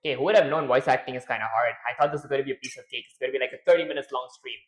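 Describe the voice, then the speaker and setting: A man's voice: medium pitch, rapid-fire, rough recording. A man on a live stream chatting casually to himself as he works, his throat strained and feeling lightheaded. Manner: mutters to himself while working, relaxed. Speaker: livestreaming game developer.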